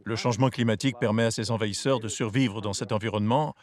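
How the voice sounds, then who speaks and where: A man speaking as a wildlife researcher, giving measured, articulate explanations for a documentary. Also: on the low side, steady tone.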